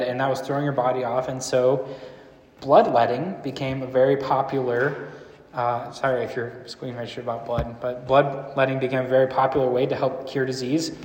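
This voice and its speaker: A man's voice: medium pitch, darkish tone. A man teaching a group in a casual, rambling way, often asking the room questions. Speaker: church speaker teaching a series. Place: large room with a live audience. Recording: echoey hall with long reverb.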